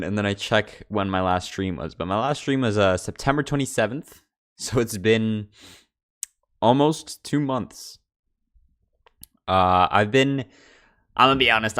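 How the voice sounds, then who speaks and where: A man's voice: lowish voice, fairly bright tone. A young man chatting casually on his livestream from home, rambling loosely with lots of fillers and restarts. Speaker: streamer.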